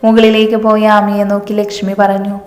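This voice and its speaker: Even-voiced woman storyteller, echoey. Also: mid-range voice, a little fast, soft background music. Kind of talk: scripted story narration. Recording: echoey room with long reverb.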